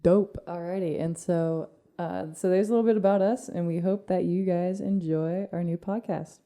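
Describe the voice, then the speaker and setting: A woman hosting a casual group podcast, talking with animated, laughing banter. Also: fairly low pitch, normal speed. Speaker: podcast host.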